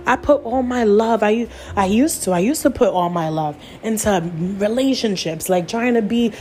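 A woman's voice: medium pitch, normal speed, dark tone, a little hiss or hum. A young adult woman giving an earnest personal testimony as a spiritual speaker, repeating phrases for emphasis.

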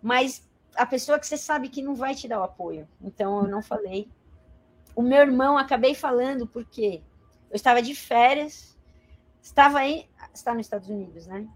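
A woman in her forties from Brazil, telling a personal story as an interview guest in a colloquial, animated way. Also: on the high side, normal speed. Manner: animated, colloquial, acts out quoted voices.

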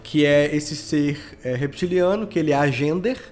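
A Brazilian man, a podcast guest who creates and edits audio dramas, chats casually about his creative work in slangy, informal speech. His voice is fairly high and darkish in tone, at a normal pace, with soft music behind him.

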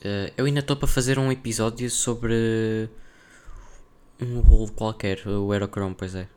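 A young man speaks European Portuguese-accented speech in a lowish voice with very little melodic movement. He hosts a casual solo podcast, thinking aloud in a rambling, slang-filled way. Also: steady tone, measured pace, a little mellow, clean tone. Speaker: podcast host.

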